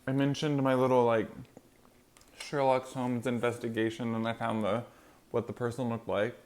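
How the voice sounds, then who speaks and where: A man's voice: mid-range voice, little pitch movement, moderate pace, a little mellow. A man hosting an eating show, chatting casually and in a rambling way to viewers while chewing as he talks. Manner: rambling, loosely strung thoughts. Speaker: mukbang host.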